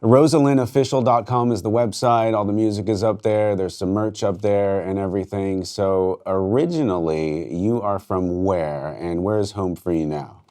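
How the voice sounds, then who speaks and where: A man's voice: on the low side, fairly even intonation, normal speed, few pauses, dark tone. A man hosting a radio interview in a station studio, upbeat and talking with many fillers. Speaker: radio host.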